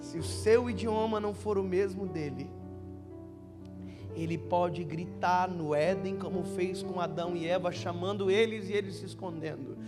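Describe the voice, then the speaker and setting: Young brazilian pastor preaching, high voice, jokey, music playing behind. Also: male voice, steady tone, normal speed, long reverb tail. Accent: Brazilian Portuguese. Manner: joking, storytelling, addressing listeners as brother. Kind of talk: lively conference sermon. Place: church youth conference before a crowd. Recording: live church sound with music underneath.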